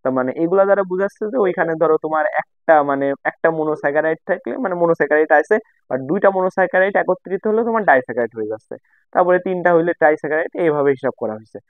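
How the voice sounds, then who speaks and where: A man's voice: a little high, lively intonation, racing, no echo. A young man from Bangladesh teaching a casual lesson, repeating and rephrasing each point for his students. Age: young adult. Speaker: tutor. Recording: tinny phone-like dry sound.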